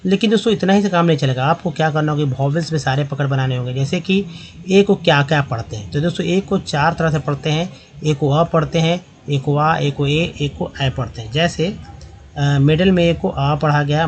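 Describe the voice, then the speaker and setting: A man teaching English reading, slowly saying each word aloud and repeating it, speaking in a slightly higher voice. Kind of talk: language lesson explaining pronunciation.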